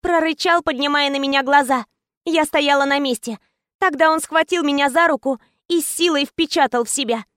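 A woman's voice: high-pitched, fairly quick, fairly bright tone, dry recording, studio quality. A woman narrating a tense first-person story as an audiobook reader.

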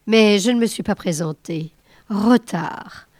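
Lady doing a flustered stammering middle-aged guy, slow and dry. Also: mid-range voice, darkish tone, no room sound. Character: nervous paunchy man in his fifties, bashful.

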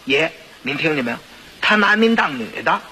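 A man's voice: fairly high pitch, big pitch swings, normal speed, pushed and bright, a little hiss or hum, voice pushed down, full character voice. A man voicing a sly, servile house steward who wheedles and excuses himself to his master. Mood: wheedling.

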